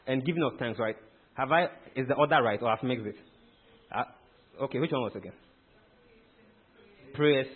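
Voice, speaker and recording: Husky-voiced preacher. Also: male voice, mid-range voice. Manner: emphatic, quizzes listeners with questions. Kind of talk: sermon teaching. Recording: tinny phone-like sound.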